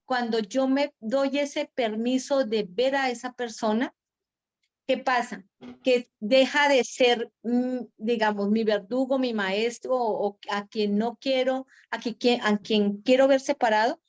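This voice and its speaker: A woman sharing slow, earnest spiritual reflections in a group meeting, repeating phrases for emphasis. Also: fairly high pitch, fairly even intonation. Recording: lo-fi online call audio.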